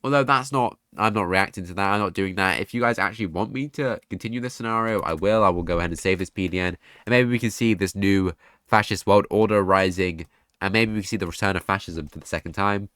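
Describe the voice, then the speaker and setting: A man's voice: low voice, fast talker, fairly bright tone, clear, resonant tone, no echo, studio quality. A man, sick and congested, casually narrating a map scenario game in a rambling, offhand way. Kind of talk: casual gaming commentary.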